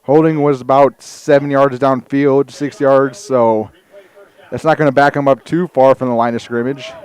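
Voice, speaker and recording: Breathless high school football announcer. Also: male voice, fairly even intonation, moderate pace, darkish tone, clean tone, no room sound. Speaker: play-by-play announcer.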